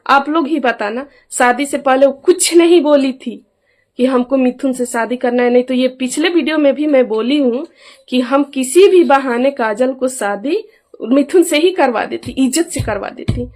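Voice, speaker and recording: A woman's voice: high voice, moderate pace, darkish tone. A middle-aged woman, speaking as an aggrieved mother in a casual vlog. She talks emphatically and keeps asking those around her to back her up. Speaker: mother airing a family grievance.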